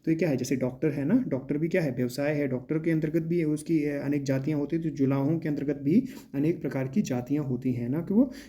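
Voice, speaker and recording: A man teaching as he works through mock exam questions, often checking in with the class and pausing with drawn-out hesitations. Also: fairly high pitch, warm tone. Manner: repetitive, checks in with "है ना" and "ठीक है".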